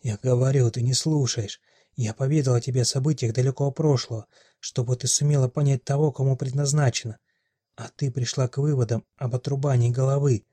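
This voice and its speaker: Old crone witch, shrieking and lamenting, husky, read by a man. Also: mid-range voice, fairly even intonation, a little fast, warm tone, no echo, close to an everyday voice. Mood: stern. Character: ancient wailing female witch, gone hysterical.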